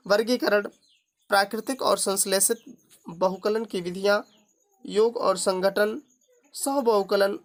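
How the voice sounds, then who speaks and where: A man's voice: high voice, fairly even intonation, takes it slowly, pauses often. A male teacher works steadily through a long syllabus list, reading each item in turn. He breaks in now and then with short remarks to his students.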